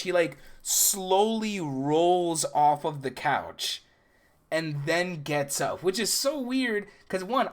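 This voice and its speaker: Young guy, kinda higher voice, casual storytime for a video, animated n acts out the dialogue. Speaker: video creator recounting dreams. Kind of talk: casual first-person storytelling.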